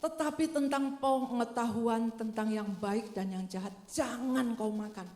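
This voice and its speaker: A woman pastor giving a lively, colloquial sermon, acting out little quoted voices. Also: a little high, a little slow. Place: large church hall. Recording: echoey church hall reverb.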